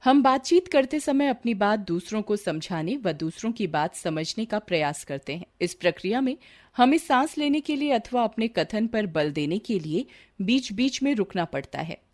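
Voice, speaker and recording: Woman reading a grammar lesson, lively pitch. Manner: slow, deliberate textbook reading. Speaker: teacher.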